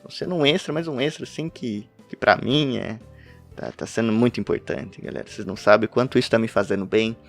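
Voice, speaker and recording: This is a podcast host who reviews manga, talking casually to camera from a webcam at home while soft music plays. His medium-pitched voice moves at a quick pace as he rambles about a favorite manga, breaking off mid-thought and laughing frequently.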